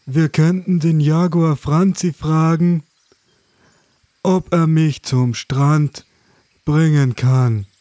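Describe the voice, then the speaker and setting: A woman's voice: low voice, slow, mellow, dry recording, studio quality. A woman voicing a sleepy, easygoing male sloth in a children's story, drawling and stammering. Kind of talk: storybook voice acting.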